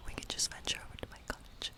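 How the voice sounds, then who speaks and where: An ASMR creator whispers a fantasy role play as a friendly, playful, lonely witch who lives in a woodland cottage. Her delivery is breathy, gentle and coaxing, slow and soothing.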